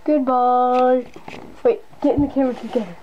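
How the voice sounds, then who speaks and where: A woman's voice: high-pitched, steady tone, moderate pace, dull audio. A woman vlogging at home, speaking through a costume head, chatty and giggly with her brother. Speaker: vlogger showing homemade costumes. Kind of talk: casual home video chat. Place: indoors at home. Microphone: camera set down nearby.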